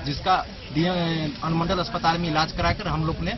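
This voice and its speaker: A man's voice: on the high side, steady tone, moderate pace. A young man giving an earnest, detailed account in a street interview. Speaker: interviewee, victim's son. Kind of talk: on-the-spot interview. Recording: lo-fi outdoor recording with loud traffic noise.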